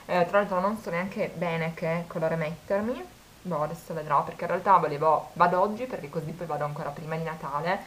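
A woman's voice: fairly low pitch, fairly quick, a little hiss or hum, low-quality recording. A young woman, chatting casually to her viewers and telling stories in which she quotes people. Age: 20s. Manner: chatty storytelling, quoting people. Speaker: vlogger. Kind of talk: casual chat.

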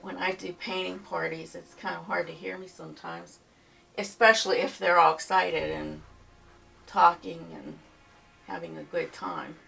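A camera mic placed well behind her records this Pittsburgh-accented woman from afar, faint music playing, as she teaches a painting tutorial step by step in her home studio indoors. She's soft-spoken, with a lowish, gravelly voice and flat delivery. She works without hurry, murmuring to herself along the way.

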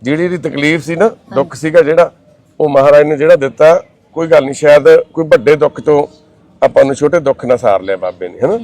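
A man's voice: fairly high pitch, fast talker. Reassuring man comforting a family. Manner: warm, reassuring, informal and fatherly. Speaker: social service volunteer. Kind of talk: consoling talk and on-camera explanation.

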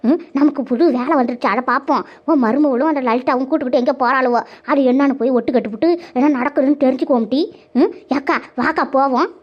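A bossy, nosy village auntie. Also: female voice, high-pitched, fast. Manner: bossy, scolding. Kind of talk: cartoon voice acting. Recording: dull lo-fi sound.

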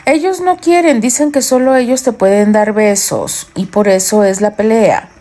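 A woman's voice: fairly high pitch, normal speed, dark tone, close to an everyday voice. A woman voicing a playful, affectionate young husband who teases his wife in an audiobook romance. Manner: teasing, affectionate.

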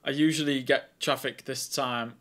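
A young man streaming as an air traffic controller, chatty and excitable between calm, clipped radio instructions. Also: mid-range voice, moderate pace. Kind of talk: casual streaming chat and radio calls.

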